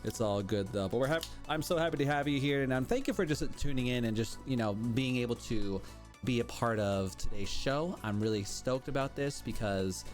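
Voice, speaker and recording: A man's voice: mid-range voice, expressive, normal speed. A man hosting a podcast in casual interview chat, wordy and effusive. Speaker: podcast host. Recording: music behind the voice. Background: background music.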